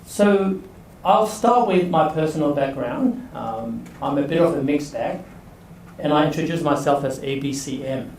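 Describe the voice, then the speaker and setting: A man's voice: on the high side, unhurried, darkish tone, a little hiss or hum. A man in his forties from Burma, a leadership coach giving a chatty workshop talk to students and asking them to raise their hands. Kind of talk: casual presentation to students. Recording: echoey room from far off.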